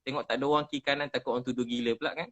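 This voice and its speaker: A man's voice: mid-range voice, steady tone, very fast, a bit bright, low-quality recording. A man with a Malaysian Malay accent, a preacher giving earnest, heartfelt religious advice and repeating his key phrases. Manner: earnest, repetitive, emotionally emphatic. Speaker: Islamic preacher.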